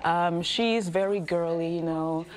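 Young woman guest from Senegal, lower voice, friendly and chatty. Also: unhurried. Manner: friendly and chatty, with frequent fillers and laughs. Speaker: guest, K-pop group leader and rapper. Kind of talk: casual interview chat.

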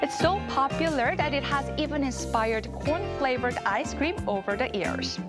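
A woman's voice: high-pitched, lively intonation, moderate pace, over loud music. A woman hosting a show, reading a scripted segment and then interviewing a guest in a polished, upbeat way. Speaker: host.

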